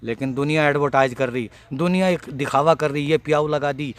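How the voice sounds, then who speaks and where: A man preaching a sermon, repeating rhetorical questions and hitting key words with sharp emphasis. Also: fairly high pitch, fairly even intonation, brisk, clean tone.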